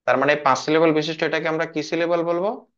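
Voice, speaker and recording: A man's voice: on the high side, steady tone, fast, fairly bright tone, highs cut off. A man teaching an English class, often questioning his students and repeating himself. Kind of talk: classroom lesson.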